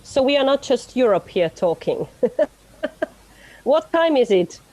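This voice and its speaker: A woman's voice: high voice, big pitch swings, slow, darkish tone, poor audio. A woman facilitating an online meeting, friendly and laughing often as she coaxes people to speak. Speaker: session facilitator.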